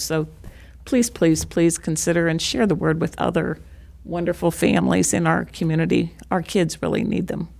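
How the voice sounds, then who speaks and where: A woman's voice: fairly low pitch, gravelly. A woman with an American Midwestern accent speaking as a county commissioner at a public meeting, earnestly urging residents and repeating her pleas.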